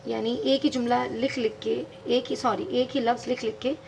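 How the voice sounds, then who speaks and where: A woman's voice: fairly high pitch, steady tone, normal speed, creaky, noisy background. A woman teaching English grammar in a video lesson, patiently explaining step by step and spelling words out letter by letter.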